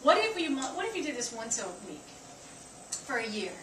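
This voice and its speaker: A woman dietitian talks staff through a lesson, chatty and full of questions for her listeners. Her voice sits a little high. It is recorded from a distance in an echoey room with steady noise. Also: brisk. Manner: chatty, counts aloud and asks the audience questions. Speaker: dietitian giving a talk. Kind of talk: lively nutrition talk to a staff audience. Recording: echoey room, from far off, noisy.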